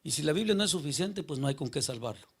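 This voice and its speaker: A male pastor with a high, heavily gravelly and husky voice, preaching in a church. He talks to the congregation directly, firing rhetorical questions and calling people by name. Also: expressive, fast talker. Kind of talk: conversational sermon.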